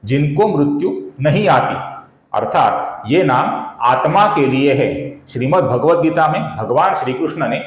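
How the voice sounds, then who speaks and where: A man teaching correct pronunciation of Sanskrit verses, chanting them slowly and deliberately and addressing viewers as friends. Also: on the high side, animated, reverberant, rough recording. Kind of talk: recitation tutorial.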